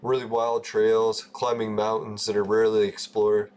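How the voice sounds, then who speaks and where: A man's voice: fairly low pitch, completely flat delivery, moderate pace, a little mellow. A man in his forties from Canada, chatting casually and loosely on a gaming livestream, swearing often and laughing at his own stories. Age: 40s. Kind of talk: casual rambling chat.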